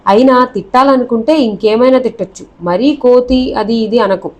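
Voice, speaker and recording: A woman voicing a sharp-tongued young bride in a storybook reading, sarcastic and defiant. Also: fairly high pitch, normal speed, dull audio, natural voice.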